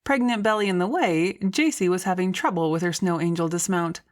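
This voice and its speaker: A woman's voice: on the low side, a little fast. A woman reading scripted first-person story narration as an audiobook narrator.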